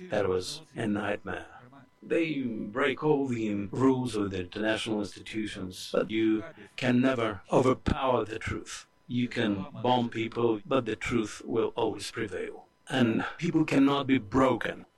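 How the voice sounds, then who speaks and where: Man, live interpreter voice, lowish pitch, earnest measured delivery. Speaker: live interpreter for a speaker at a public event. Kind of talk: live interpreting of testimony, spoken in first person.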